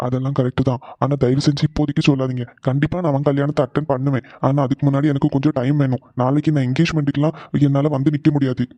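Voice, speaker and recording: A man's voice: medium pitch, level tone, racing, hardly any pauses, warm tone, no echo, lo-fi sound, lightly acted. A man voicing a withdrawn young man in a cartoon, hesitant and pleading for time. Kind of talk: cartoon voice acting.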